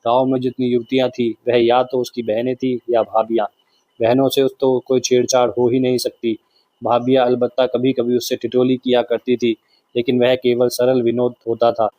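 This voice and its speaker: A man reading a classic novel aloud as narrator, with steady, measured storytelling. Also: mid-range voice, no room sound, highs cut off.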